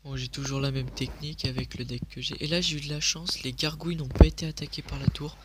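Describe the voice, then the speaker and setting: Soft-spoken young man, a bit sick. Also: mid-range voice, level tone, quick pace, background noise. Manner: speaks softly, often near a whisper. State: a little sick. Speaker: gaming youtuber. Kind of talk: casual gameplay commentary. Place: home at night.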